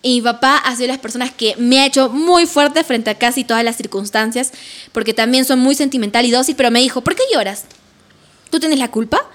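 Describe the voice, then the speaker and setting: A woman's voice: on the high side, fast. A woman, co-hosting a casual chat and telling school stories with frequent laughter. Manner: animated, laughs often while telling anecdotes.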